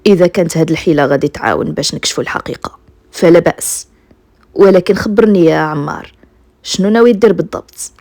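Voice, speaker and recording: A woman's voice: on the low side, fast, a little mellow. A woman with a Moroccan accent voicing a dignified, shrewd male judge in bedtime folk-tale storytelling. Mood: considering, approving.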